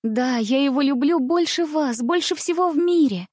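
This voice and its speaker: A woman's voice: sits high, expressive, moderate pace, mellow, dry recording, studio quality, voice pushed up. Woman doing an earnest young circus girl. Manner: earnest, simple. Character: honest, gentle poor circus girl.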